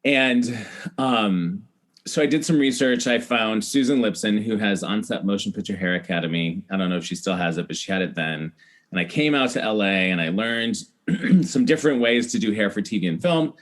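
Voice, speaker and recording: Speaking in a fairly low voice with lively intonation and a moderate pace, a middle-aged Iowan tells casual, animated stories as a podcast guest. He works as a celebrity hair stylist and acts out remembered dialogue.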